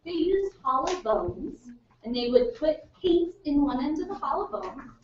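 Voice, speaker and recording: High-voiced woman teaching a classroom. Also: big pitch swings, measured pace, darkish tone, roomy sound, distant mic. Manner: questioning, encouraging. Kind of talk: classroom lesson. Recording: dull, noisy classroom recording from afar.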